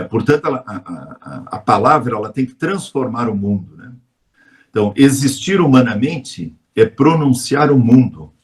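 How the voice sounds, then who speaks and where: Man lecturing calmly on education. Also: mid-range voice. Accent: Brazilian Portuguese. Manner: measured, explanatory, many tag questions. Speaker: teacher. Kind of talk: lecture in a live webinar.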